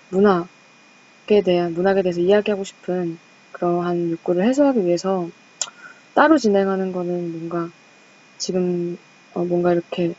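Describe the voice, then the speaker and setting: Young woman, study group presenter, casual and self-deprecating, mellow warm tone, dull lo-fi sound. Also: mid-range voice, slight background noise. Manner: chatty and self-deprecating, reading French words slowly.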